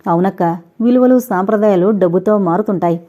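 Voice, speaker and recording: A woman's voice: mid-range voice, a little fast, dark tone, dull audio, close to an everyday voice. A woman voicing a remorseful young woman speaking to her elder sister in an audiobook. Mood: resolute. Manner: pleading, tearful.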